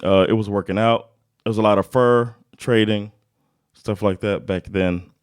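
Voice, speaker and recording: A man's voice: on the low side, steady tone, normal speed, clear, resonant tone, dry recording, clean studio sound. An American man co-hosting a podcast, telling a history story in a loose, joking way and laughing often. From United States. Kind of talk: casual comedic history chat.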